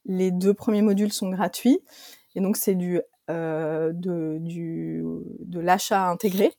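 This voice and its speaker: Shaky-voiced woman, mellow and dry. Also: lowish voice, fairly even intonation, slow, no room sound. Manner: talkative, many fillers and restarts. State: voice weak and shaky from allergy. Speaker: app founder, guest. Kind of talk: casual podcast interview.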